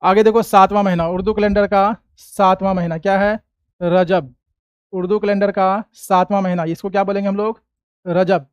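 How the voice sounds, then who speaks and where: A man teaching a lesson, slowly repeating each word and answering his own questions, recorded close in a quiet room. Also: high voice, little pitch movement, clean tone, no echo. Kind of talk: classroom-style lesson with call and response.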